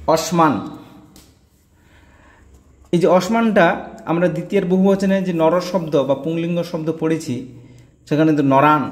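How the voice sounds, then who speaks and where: A man's voice: fairly high pitch, darkish tone, long reverb tail. A man teaching a grammar lesson, drilling word endings aloud and repeating each form. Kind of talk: explaining grammar tables.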